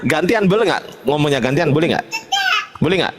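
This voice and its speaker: A man with a high, very animated voice hosts a heated online debate. He talks into a headset and keeps repeating soothing pleas for calm and for taking turns, then breaks into loud, mocking bursts. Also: fairly quick, noisy background. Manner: repeats calming words over and over, then bursts into mocking shouts. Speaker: host of religious debate livestream.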